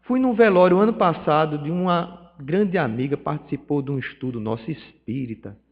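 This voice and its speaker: A man's voice: fairly high pitch, animated, moderate pace. A man with a Pernambuco accent giving a spiritist lecture, telling stories with acted dialogue and emotional swells. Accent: Pernambuco Portuguese. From Northeast Brazil. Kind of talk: lecture at a spiritist study group. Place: meeting hall of a spiritist centre. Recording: dull, reverberant hall recording.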